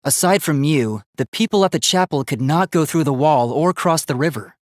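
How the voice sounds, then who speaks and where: In this English video game voice work, a man with a slightly high, animated, darkish voice voices an earnest and logical young robot student at normal speed. His delivery is natural yet formal, precise and analytical, serious in mood, and the clean studio sound has no room tone.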